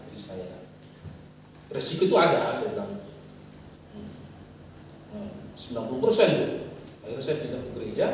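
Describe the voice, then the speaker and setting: A man's voice: medium pitch, darkish tone, slight background noise. A middle-aged pastor from Indonesia preaching a sermon in a conversational way, telling stories from his ministry with rising, emphatic passages. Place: church hall. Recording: echoey church hall from far off.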